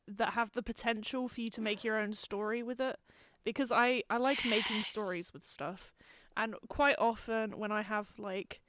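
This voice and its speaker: Woman co-host, higher side, smooth and dry, giggly, rambles. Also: no echo. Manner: giggly, rambling, trails off and restarts. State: hiccuping and burping. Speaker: podcast co-host. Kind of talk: casual chat.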